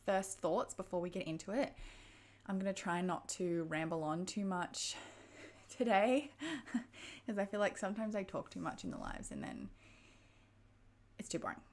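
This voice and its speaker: A woman hosting a casual book club livestream, out of breath and chatty, laughing often and a little frazzled. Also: medium pitch. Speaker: booktube livestream host. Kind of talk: casual live-stream chat.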